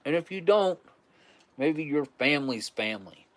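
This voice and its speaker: Reading viewer messages on his live stream, a man in his forties chats in a loose, chuckling, easygoing way. His voice runs on the high side, with lively intonation and a normal speed.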